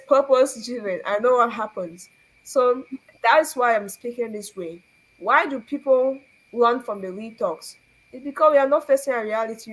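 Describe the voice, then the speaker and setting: A young Cameroonian woman hosts a faith talk, her voice on the high side and the recording rough. She's earnest and preachy, posing rhetorical questions and laughing often.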